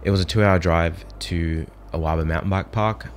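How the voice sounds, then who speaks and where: A man's voice: sits low, steady tone, moderate pace, noisy background. A man with a nasal voice, feeling under the weather, telling a chatty, self-deprecating story as a voice-over. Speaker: vlogger narrating his race. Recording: roomy sound with music underneath.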